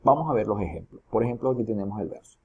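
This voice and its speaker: A man's voice: fairly low pitch, animated, racing, breathy edge, phone-quality sound. A man teaching a recorded lesson, explaining each step and asking his students questions as he goes. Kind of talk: recorded lesson on poetry metrics.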